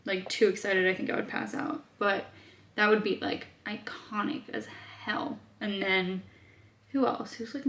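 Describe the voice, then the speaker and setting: A young woman from Australia, chatting casually as a vlogger and answering viewer questions, thinking aloud with lots of fillers. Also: mid-range voice. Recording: roomy echo.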